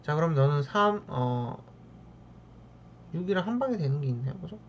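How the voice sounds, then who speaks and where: Woman math teacher, low voice, keeps checking in with students, dull lo-fi recording with faint ambient noise. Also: expressive, normal speed. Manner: keeps checking in with a tag question after each step; talks to the math terms as if addressing them. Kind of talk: lecture working through problems.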